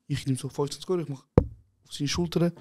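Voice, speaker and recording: Aufgedrehter Schweizer, Anekdoten mit Bro. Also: male voice, fairly high pitch, fast talker, a little hiss or hum. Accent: Swiss German. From Switzerland. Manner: excited anecdote telling, acting out other people with shouts, calls the other host "Bro". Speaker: podcast co-host. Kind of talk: casual chat, animated storytelling.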